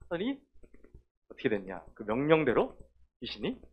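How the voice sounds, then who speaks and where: Male children's pastor, lively storytelling sermon, mid-pitched voice, slightly muffled recording. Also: moderate pace. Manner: animated, asks the children questions.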